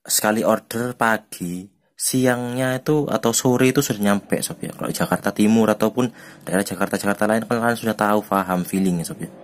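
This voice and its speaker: A man's voice: on the low side, fairly quick. A man from Indonesia, rambling chattily through an online shopping walkthrough. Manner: rambling chatty, says "sob" constantly. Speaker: online shopping tutorial vlogger. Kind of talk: casual screen walkthrough.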